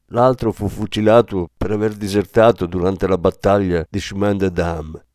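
A man voicing a worried, superstitious mother in an audiobook, speaking in a hushed, grave way. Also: deep voice, no room sound, clean studio sound. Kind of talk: audiobook reading.

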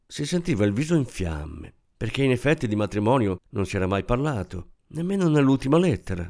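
A man narrating a novel aloud in an expressive storytelling manner. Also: mid-range voice, fairly quick. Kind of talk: scripted audiobook narration.

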